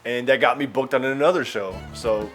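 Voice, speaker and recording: A man's voice: medium pitch, brisk, over loud music. A young man vlogging his travels in a wry, rambling, self-mocking way. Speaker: travel vlogger and stand-up comedian. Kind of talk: casual vlog chat.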